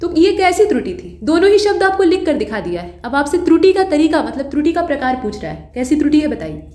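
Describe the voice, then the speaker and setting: A woman with a high voice teaches exam-prep grammar, working through each answer step by step. She keeps putting questions to her students and fixes her own slips as she goes. The sound bounces around a roomy space. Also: very animated, quick pace, warm tone. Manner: patient explainer who asks students rhetorical questions; corrects her own slips mid-sentence.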